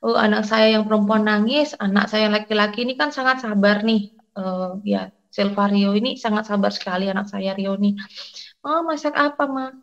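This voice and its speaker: A middle-aged woman, telling her faith testimony in an emotional, halting way and addressing listeners directly. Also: mid-range voice, little pitch movement, muffled recording. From Indonesia. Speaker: testimony guest.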